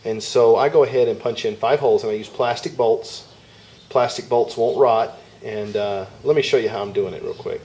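In a homestead video, a man with a medium-pitched voice casually demonstrates a task outdoors in a yard, narrating each step in a folksy manner as he works. A slight hiss or hum can be heard.

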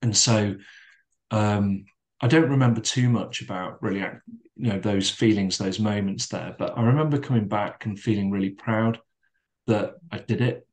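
A middle-aged man, a podcast guest, reflecting calmly in conversation with frequent fillers and restarts. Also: on the low side. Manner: calm, measured, with many restarts and fillers.

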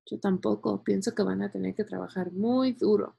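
A woman reading a children's book aloud like a teacher. She explains words gently and speaks directly to the young listeners. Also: medium pitch, fairly even intonation, moderate pace, creaky, slightly rough.

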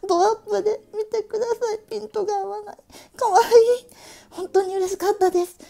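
High-pitched woman with a Tokushima accent. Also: fairly even intonation, a little fast, vocal fry, mellow. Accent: Awa dialect (Tokushima). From Tokushima, Japan. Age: late 30s. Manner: cheerful, chatty, laughs often. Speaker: stationery vlogger. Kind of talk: casual chat to camera.

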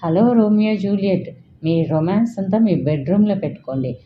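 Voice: mid-range voice, lively intonation, brisk, voice pushed up, natural voice. A woman voicing a rude passerby who mocks and scolds a couple blocking the road, in a sneering manner. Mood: mocking. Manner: mocking, scolding. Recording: dull, faintly hissy recording.

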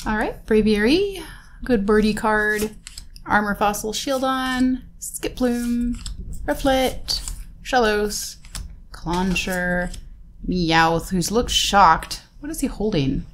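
A woman's voice: mid-range voice, expressive, slow pace, a little hiss or hum. A woman hosting a casual card-pack unboxing, chatting and naming each card aloud with easy laughs. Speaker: host opening trading card packs.

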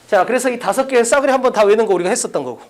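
A man's voice: extremely high pitch, racing. A man teaching an English class in a casual, blunt way, quizzing students by name. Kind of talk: classroom lecture.

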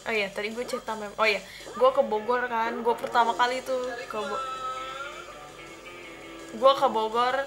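A young woman from the Jakarta area telling a rambling story while playing a game, often breaking off to react loudly to what happens on screen. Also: fairly high pitch, fairly even intonation, moderate pace, pauses often, over music. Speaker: gameplay commentator. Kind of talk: casual gameplay commentary and storytelling.

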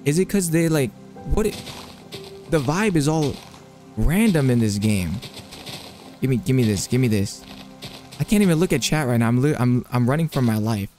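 A young man giving excitable, jumpy commentary while playing a video game and talking to his chat. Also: medium pitch, normal speed, long pauses, faint music behind. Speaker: gaming streamer. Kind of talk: live gameplay commentary.

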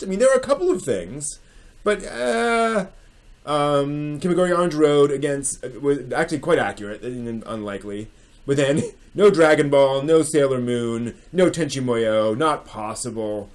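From a small bookshelf-lined room at home, a forties-aged male host presents a dramatic reading with casual asides. He speaks emphatically and theatrically in a slightly mellow voice that sits on the high side.

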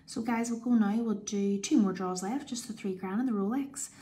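A woman's voice: mid-range voice, normal speed, warm tone. A woman hosting a live online prize draw, calling out numbers and winners in the manner of a bingo caller. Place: indoors, filming a tablet screen. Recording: clear background noise.

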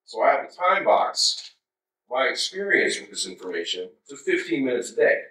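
A man in his fifties gives a keynote from a podium in a large, dark conference hall, talking in a loose, wry way with asides to the crowd. His voice is bright and forceful. The sound is roomy and picked up from some distance. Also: medium pitch, sing-song, normal speed. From United States. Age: 50s. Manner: conversational and wry, with asides to the audience. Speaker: keynote speaker.

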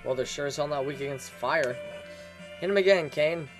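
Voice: medium pitch, moderate pace. A let's play commentator in casual game commentary, crude and jokey, swearing often. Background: faint game music.

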